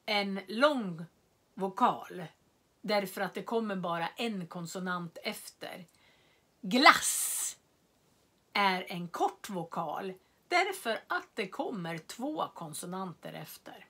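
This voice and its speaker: A woman giving a slow, clearly spoken language lesson, repeating and spelling out words for learners. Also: medium pitch, animated, a bit bright. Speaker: Swedish language teacher.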